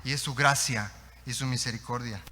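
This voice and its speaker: Bright-voiced Mexican pastor preaching. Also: male voice, mid-range voice, normal speed, a little hiss or hum. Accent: Mexican Spanish. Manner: animated storytelling, rhetorical questions. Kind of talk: sermon. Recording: echoey church hall.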